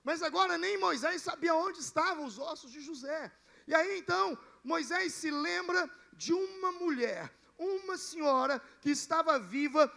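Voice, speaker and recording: A male pastor preaches in a storytelling way. His voice is very high with a gravelly fry running through it. He builds his points up to emphatic declarations. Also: bright, forceful tone. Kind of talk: sermon.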